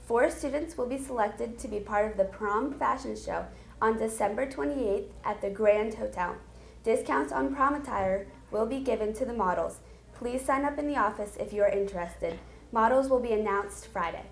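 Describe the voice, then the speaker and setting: A woman reading morning announcements over a school intercom in an even, businesslike way. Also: a little high, normal speed, creaky, roomy sound. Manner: reads a list of notices in an even, businesslike way.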